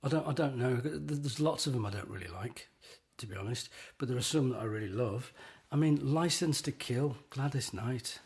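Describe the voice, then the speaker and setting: A middle-aged man with a gravelly, creaky voice, chatting in a dry, wry tone. He hesitates and lets his sentences trail off, as if thinking aloud. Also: mid-range voice, moderate pace, few pauses, darkish tone. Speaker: podcast co-host. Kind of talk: casual chat.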